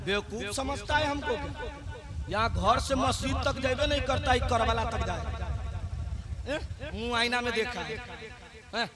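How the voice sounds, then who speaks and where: A man preaching an Islamic sermon at a large gathering. He builds to shouted climaxes and jokes and banters with the crowd. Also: very high-pitched, measured pace, pauses often. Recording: loud crowd at a live gathering.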